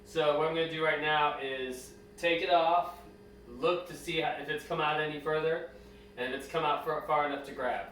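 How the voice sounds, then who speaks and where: A man's voice: on the high side, fairly even intonation, normal speed, a bit bright, echoey room, slight background noise. A man vlogging at home, explaining step by step in plain, casual speech. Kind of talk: casual home-video narration. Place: room in a house.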